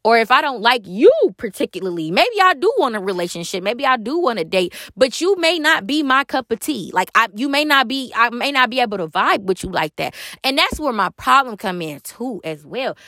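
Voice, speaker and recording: A young woman speaks frankly and emphatically, swearing freely as she hands out dating advice. Her voice sits fairly high for a woman. The recording is close and dry, with no room sound. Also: sing-song, brisk, hardly any pauses, sharp tone, no echo. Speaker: vlogger. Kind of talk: casual dating advice monologue.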